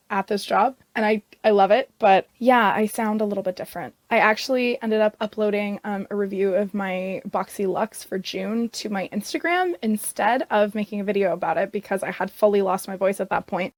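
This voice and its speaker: Talking to her camera in a loose, filler-heavy ramble, a young woman from Canada who makes beauty videos sounds hoarse and scratchy, her voice strained. It sits in a mid range, and the recording is dry.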